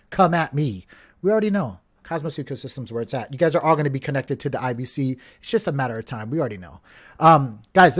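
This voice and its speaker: A man from Hawaii with a fairly high-pitched voice hosts a crypto channel, offering casual market commentary. He rambles chattily, full of fillers and restarts, talking straight to his viewers and calling them "guys."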